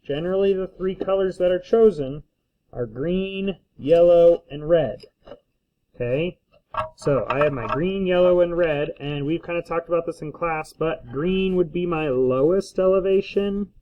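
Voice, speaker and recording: A man's voice: a little high, measured pace. A man teaching in a casual instructional screencast, often checking in with a short questioning tag. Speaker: school teacher. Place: indoors at a desk, recording a screencast. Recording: slightly dull lo-fi screencast audio.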